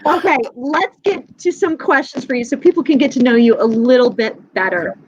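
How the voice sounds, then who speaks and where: A woman with a high voice hosts a casual interview in an encouraging manner. Her audio is somewhat dull and lo-fi, with faint noise behind it. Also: lively intonation, a little fast. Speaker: interview panel host.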